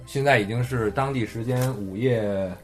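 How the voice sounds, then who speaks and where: A man's voice: mid-range voice, normal speed, soft background music. A man hosting a casual Chinese podcast chat with guests. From China. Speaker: podcast host.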